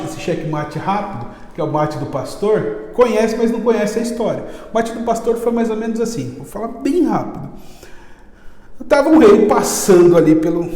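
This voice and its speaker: A man with a Brazilian accent, a chess teacher chatting casually in an interview and telling stories in a lively, slangy way. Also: high-pitched. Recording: echoey room with long reverb.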